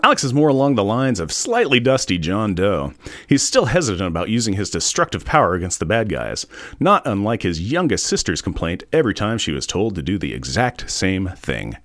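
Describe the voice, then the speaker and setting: A man with a fairly low voice narrates a scripted comic recap. His delivery is wry and joking, with lively intonation. The recording is dry. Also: brisk, no room sound. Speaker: podcast co-host.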